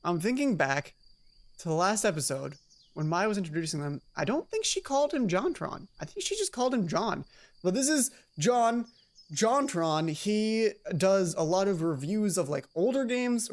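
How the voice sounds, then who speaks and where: At a normal pace and medium pitch, a woman reads a visual novel aloud as host and narrator of a let's play while music plays. Her delivery is animated, with casual asides, frequent self-corrections, and lines reworked and repeated for rehearsal.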